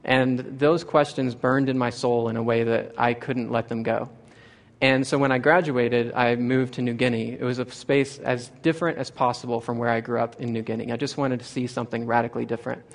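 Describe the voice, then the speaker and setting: An earnest young man from Nebraska tells a personal story in a talk. His voice sits at a middle pitch. He often restarts phrases and goes higher when he quotes what others said. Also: steady tone, a little fast, vocal fry. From Nebraska, USA. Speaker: speaker giving a talk.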